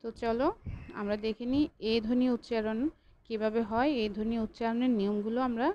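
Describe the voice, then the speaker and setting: Female lecturer, higher-pitched voice, patient online class delivery with self-corrections, faint background hum. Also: flat delivery, fairly quick, highs cut off. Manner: patient, repeats points, corrects own slips. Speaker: college lecturer.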